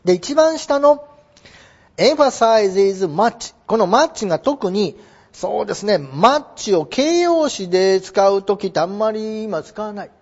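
A man's voice: high-pitched, sing-song, measured pace, a little mellow. A middle-aged man teaching English vocabulary in a polite, explanatory way, full of fillers and small digressions. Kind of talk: lecture on English phrasing. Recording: dull lo-fi recording.

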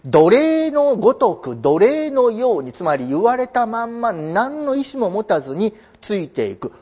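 A man teaching English, explaining a passage in an animated, emphatic lecture and reading the English lines slowly. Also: sits high, husky, muffled recording.

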